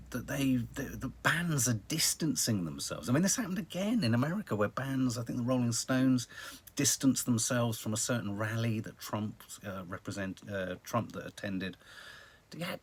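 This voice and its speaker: This British live-stream host has a mid-range voice with a breathy edge. He chats casually with viewers about the news, rambling and wry, with dramatic emphasis.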